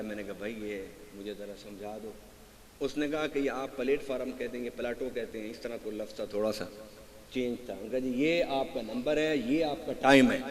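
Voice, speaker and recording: A man giving a religious sermon, telling stories to a congregation and quizzing them, moving from hushed asides to loud raised passages. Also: mid-range voice, in a large hall. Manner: tells anecdotes, swings from hushed asides to loud raised delivery, quizzes the audience. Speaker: preacher. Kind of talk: Urdu religious sermon with storytelling.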